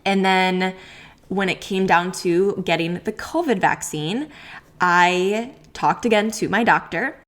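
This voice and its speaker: A woman's voice: lowish voice, slow pace. A pregnant woman in her thirties hosting a solo podcast Q&A, talking candidly with many likes and ums and frequent laughs. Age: 30s. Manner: laughs often while talking. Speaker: podcast host.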